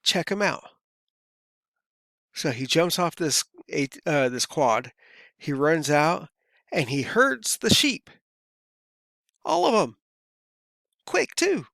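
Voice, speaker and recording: A man's voice: on the high side, very animated, slow, gravelly, pauses often, a bit bright, dry recording, studio quality. A man from California talking casually to camera as a vlogger, rambling and easygoing with lots of fillers, his voice a bit worn. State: voice feels worn. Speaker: crypto vlogger.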